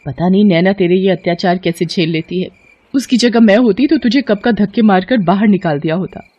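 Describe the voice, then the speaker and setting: A woman voicing a vain, spiteful young sister-in-law in an animated story, loud and complaining. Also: mid-range voice, fairly quick, slightly rough, dry recording, lo-fi sound, natural voice.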